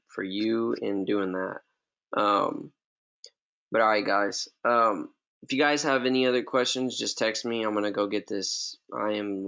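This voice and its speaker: A man's voice: lowish voice, creaky, a bit bright, dull audio. A man leading a casual live trading session for his members, laid-back and slangy, often repeating himself. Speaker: forex trading mentor.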